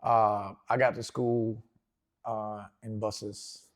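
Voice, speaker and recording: A man in his forties from Venezuela, a jiu-jitsu instructor, telling his story in a relaxed, rambling way with many fillers and restarts. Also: lowish voice, very slow. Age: 40s. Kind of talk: casual interview.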